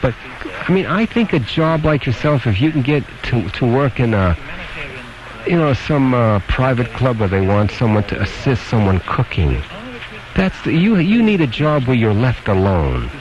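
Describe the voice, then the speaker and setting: A man with a mid-range, sing-song voice hosts a radio call-in show at a moderate pace, probing callers and offering blunt, opinionated advice from the studio. A crowd murmurs in the background, and the recording is a noisy, dull lo-fi AM radio aircheck.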